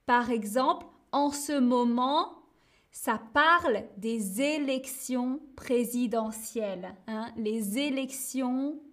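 A woman teaching learners, speaking slowly and deliberately, repeating words and tagging phrases with little fillers. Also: a little high, fairly bright tone. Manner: slow and deliberate, repeats words, frequent "hein" and "euh". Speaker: French teacher. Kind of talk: slow learner-friendly explanation.

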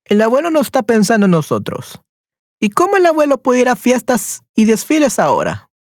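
A man's voice: very high voice, huge pitch swings, brisk, dry recording, studio quality, pitched above the performer's own voice, full character voice. A man voicing a sad young boy who grieves his grandmother, in a plaintive storybook voice. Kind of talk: reading a storybook aloud.

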